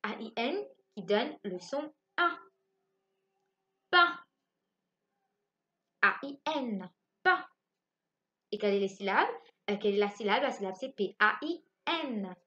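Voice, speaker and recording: A woman teaching a phonics lesson to young children from home. She spells out letters slowly and keeps asking the class if they follow. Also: mid-range voice, expressive, pushed and bright, dull audio. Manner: slow, spelling out letters and asking checking questions. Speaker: primary school teacher.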